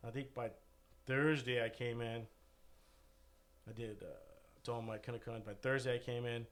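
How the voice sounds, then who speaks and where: A man's voice: mid-range voice, steady tone, normal speed. Rambling guy telling a sick story. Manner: rambling, loose storytelling with lots of "dude". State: recovering from covid, still short of breath. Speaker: guest. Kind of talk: casual podcast chat.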